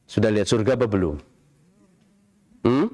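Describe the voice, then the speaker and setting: A middle-aged man giving a Quran commentary lecture in a large mosque, explaining slowly and quizzing his audience. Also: on the low side, a little mellow. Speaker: mosque preacher.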